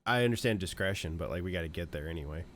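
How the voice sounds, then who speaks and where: Low-voiced man chatting over a game. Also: expressive, racing, a crowd in the background. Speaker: tabletop game player. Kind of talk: casual game chat. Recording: background noise.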